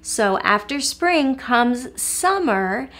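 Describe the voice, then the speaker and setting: A woman reads a picture book aloud to young children in a fairly high voice, stopping now and then to ask them gentle questions. She is clear and patient, keeping her pace steady as she tells the story. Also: extremely slow. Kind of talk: read-aloud storytelling for kids.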